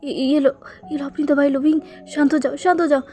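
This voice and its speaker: A woman voicing a protective elder sister who comforts her brother in a soft, soothing way. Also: sits high, fairly even intonation, fairly quick, faint music behind, natural voice.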